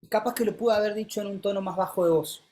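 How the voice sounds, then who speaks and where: A speaking coach, teaching a live masterclass and calling on students by name, who keeps changing pitch and pace to show what is meant. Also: fast talker, darkish tone, slight background noise. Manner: demonstrative, shifts pitch and pace to illustrate; coaxing, calls on students by name.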